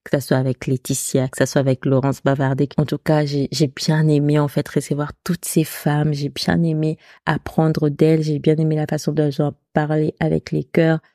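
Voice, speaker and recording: A woman with a non-standard French accent talks to her listeners in a casual solo podcast, hesitant and full of little restarts. Her voice is mellow and fairly flat, recorded dry on a close mic with faint music underneath. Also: low-pitched, normal speed, hardly any pauses, no echo. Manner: chatty, hesitant, many restarts. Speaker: podcast host.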